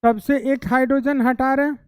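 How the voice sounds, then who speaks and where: Crisp-voiced man quizzing a chemistry class. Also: very high-pitched, level tone, fairly quick, no room sound. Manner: constantly quizzes the class and repeats answers back; teasing, scolds students playfully. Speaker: chemistry teacher. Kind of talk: classroom lecture. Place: classroom with students.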